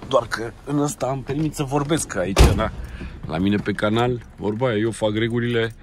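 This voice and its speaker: A young man tells a story casually from inside his car, lively and colloquial, with sound effects. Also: medium pitch, background noise. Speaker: vlogger. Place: in a car, outdoors traffic around.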